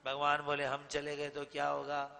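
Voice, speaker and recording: A male preacher giving a dramatic sermon in with a tinge, slowly telling devotional stories and breaking into sung verses, his voice swelling loud at the peaks. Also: a little high, completely flat delivery, gravelly, faint music behind. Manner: dramatic storyteller, slow and emphatic, swells loud when sung. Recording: reverberant hall, slightly distant.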